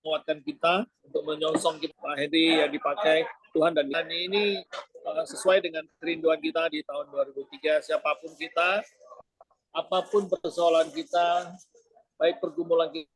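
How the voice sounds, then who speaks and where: Guy leading a church group on a video call that keeps breaking up, kinda husky and dry. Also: fairly high pitch, level tone, normal speed, dry recording, poor audio. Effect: choppy, breaking-up online call connection. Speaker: meeting leader.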